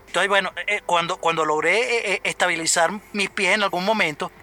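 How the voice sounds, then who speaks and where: Animated Venezuelan man telling a story. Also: sits high, fairly quick, over a noisy crowd. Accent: Venezuelan Spanish. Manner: animated storyteller, stammers and curses often. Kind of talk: casual chat.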